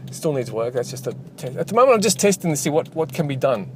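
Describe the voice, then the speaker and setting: A fast-talking man with a voice on the high side and big pitch swings chats casually while driving, rambling with many fillers and restarts. He develops games and hosts a channel, and road noise from the moving car comes through.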